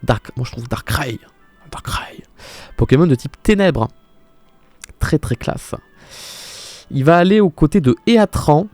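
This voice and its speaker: A young male streamer with a mellow, dark-toned voice, chatting casually and exclaiming as he answers his viewers. Faint music plays behind him. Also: fairly high pitch, lively intonation, a little slow, long pauses, dry recording. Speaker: live streamer. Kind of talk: casual live-stream commentary.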